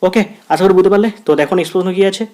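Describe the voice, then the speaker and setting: A man with a Bengali accent teaching an exam-prep English grammar lesson, calling viewers friend, repeating phrases and reading English quiz sentences slowly word by word. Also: high-pitched, darkish tone.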